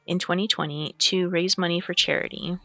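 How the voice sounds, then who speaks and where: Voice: medium pitch, fairly even intonation, a little fast, pushed and bright, no room sound. A streamer talking casually to chat with lots of fillers, then reading a fantasy book aloud; they have the hiccups. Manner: chatty, rambling, with frequent fillers and throat clearing. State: has the hiccups. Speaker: streamer and VTuber reading lore books.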